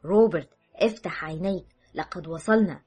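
A woman's voice: mid-range voice, lively intonation, a little fast, warm tone, husky, soft background music, voice pushed up. A woman narrator voicing a shaken, grieving woman who speaks with a trembling, emotional voice. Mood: urgent.

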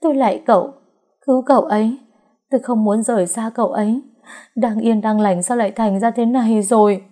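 A woman puts on a young wife in a storybook, desperate and grieving, her pleas breaking into sobs. The voice is husky and mellow, climbing high when she begs. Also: moderate pace. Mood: panicked. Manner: sobbing, pleading.

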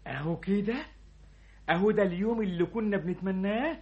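A man playing a fawning, scheming deputy manager with an Egyptian accent, flattering and insinuating, in an old radio comedy-drama. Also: high-pitched, brisk, muffled recording, loud music behind the voice, lightly acted.

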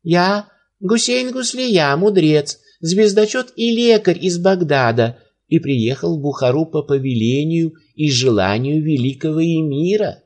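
Shrill old court sage, panicky and quavering, put on by a male reader. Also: animated, unhurried, a little mellow. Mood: pleading. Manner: quavering, wailing protests.

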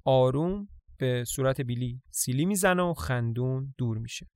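A man calmly narrating the story of a play for a podcast. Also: mid-range voice, no room sound.

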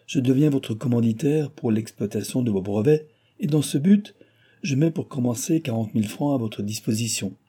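A man voicing an impatient, excitable heir who speaks in earnest, emphatic appeals. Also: mid-range voice, slightly rough, close to an everyday voice. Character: impatient, excitable male heir, warm toward his friend.

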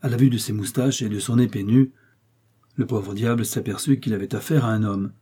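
A male narrator reads a classic novel in a measured, steady way. His voice sits low and dark, with a husky edge. The pacing is even and deliberate. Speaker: audiobook narrator.

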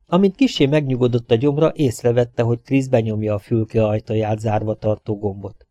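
A man reading a thriller aloud as an audiobook narrator, steady and even. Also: mid-range voice. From Hungary. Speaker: audiobook reader.

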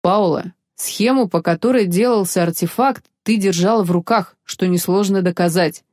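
Woman voicing a calm firm male investigator. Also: on the low side, moderate pace, no room sound, studio quality, close to an everyday voice. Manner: calm, weighty, level. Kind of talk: audiobook character voice.

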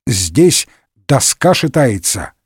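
A man's voice: medium pitch, big pitch swings, takes it slowly, husky, no room sound, studio quality, exaggerated voice. A man voicing a cheerful, boastful old nobleman musketeer who tells tall tales in a parody audiobook. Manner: exclamatory, tall-tale bragging.

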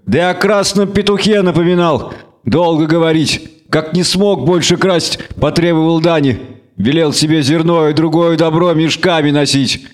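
A man's voice: a little high, normal speed, pitched above the performer's own voice, close to an everyday voice. A man narrating an audiobook and voicing an anxious, talkative middle-aged village man with a folksy, rambling way of speaking. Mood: earnest.

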